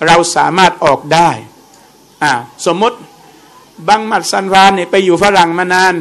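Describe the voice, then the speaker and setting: A man teaching religion to a live audience. His voice sits high for a man. He lectures in a loose, conversational way, circling back over his points and checking in with listeners. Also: moderate pace, a bit bright. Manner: conversational, asks the audience questions, repeats points.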